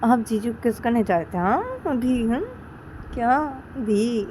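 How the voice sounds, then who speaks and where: A woman's voice: fairly high pitch, slow pace, mellow, a little hiss or hum, pitched above the performer's own voice. A woman voicing a teasing young married woman who keeps prodding her older sister with tag questions.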